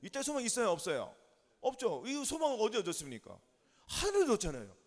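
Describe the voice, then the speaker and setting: A male pastor preaches in a very high, lively voice that leaps up and down in pitch. He talks quickly and emphatically, repeating himself and pressing his listeners with rapid yes-or-no questions and calls of amen. The sound carries a long reverb from a church hall. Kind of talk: sermon.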